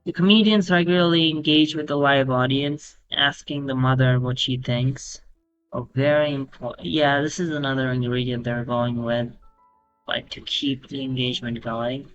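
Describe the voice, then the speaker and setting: A man breaks down a comedy clip in voice-over, explaining in a halting way with fillers. His voice sits mid-range. The audio sounds a touch dull, with faint music underneath. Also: medium pitch, fairly even intonation, fairly bright tone. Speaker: video commentator. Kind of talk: analytical voice-over commentary.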